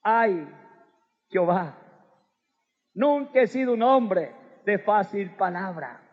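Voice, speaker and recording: A man preaching a fervent sermon, swinging from hushed pleading to shouted exclamations. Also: high voice, lively intonation, slow, in a large hall, narrow, tinny audio. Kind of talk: Pentecostal-style sermon.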